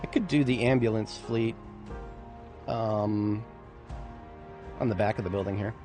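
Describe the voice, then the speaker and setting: A man with a fairly low voice talks through his game in loose, rambling commentary. He is playful and pokes fun at himself. Game music plays clearly behind him. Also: fairly even intonation, unhurried. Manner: rambling, playful, self-mocking. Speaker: game streamer. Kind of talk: casual let's-play commentary.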